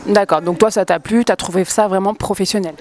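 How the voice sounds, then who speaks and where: A woman's voice: medium pitch, fairly even intonation, brisk, darkish tone. A woman reporter interviewing people at a fashion event, asking informal, direct questions. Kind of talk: casual interview.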